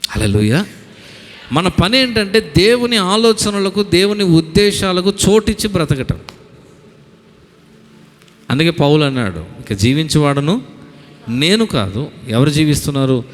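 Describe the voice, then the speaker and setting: A man's voice: on the high side, very animated, measured pace, pauses often. A man preaching a sermon to a congregation as their pastor, calling on them to repeat lines aloud. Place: church hall. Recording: long hall reverb.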